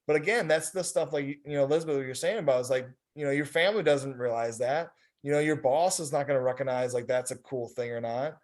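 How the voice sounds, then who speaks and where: A man's voice: medium pitch, fast talker, few pauses. A man leading a focus group discussion, talking casually and rambling with many fillers over a video call. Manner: rambling, heavy on fillers like "you know".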